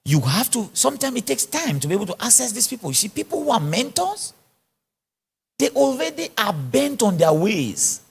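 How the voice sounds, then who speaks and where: A man preaching at a conference, answering questions and telling stories in an animated way. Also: very high-pitched, normal speed, vocal fry, husky. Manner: animated, storytelling, laughs often. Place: church conference hall. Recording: large echoey hall.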